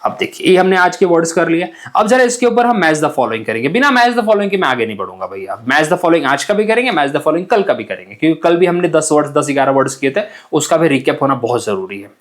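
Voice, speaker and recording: A young man with a somewhat high voice teaching exam vocabulary in a chatty, informal way. He keeps checking in with his students and acts out little everyday scenes to explain each word. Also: big pitch swings, quick pace, few pauses. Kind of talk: explanatory online lesson in Hindi with English words.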